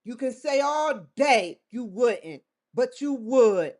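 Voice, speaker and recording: Her voice sits a little high and a little mellow, expressive and unhurried. She's a vlogger hosting her own show, delivering a defiant, confrontational monologue straight to the camera and swearing often.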